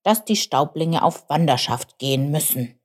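Woman playing a slow, grumbling, forgetful old buffalo for a storybook, lowish voice. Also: lively intonation. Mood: grumbly.

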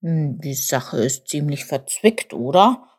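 Woman playing a slow, grumbling, forgetful old buffalo for a storybook, lowish voice. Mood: grumbly.

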